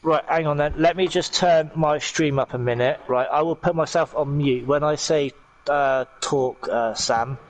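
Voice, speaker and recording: Slightly high-voiced, matey male host. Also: normal speed. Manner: matey, informal. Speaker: league stream host. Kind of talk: casual chat.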